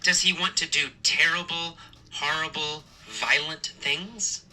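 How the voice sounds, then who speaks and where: A male teacher telling a story as a lesson, asking simple questions and answering them himself, slowly and with emphasis. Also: on the high side, bright, forceful tone, a little hiss or hum, rough recording. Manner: slow, repetitive, emphatic questioning. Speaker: English teacher.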